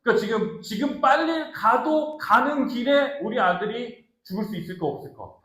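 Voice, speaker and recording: A male pastor giving an animated sermon to a small family congregation, quizzing his listeners as he goes. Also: very high voice, normal speed. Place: small office used as a church. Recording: roomy echo.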